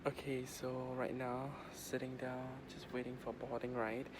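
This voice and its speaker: A man's voice: mid-range voice, completely flat delivery, moderate pace. A man giving a casual, rambling travel vlog update with informal phrasing and lots of filler words. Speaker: travel vlogger. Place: airport boarding gate seating. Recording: clear background noise of airport.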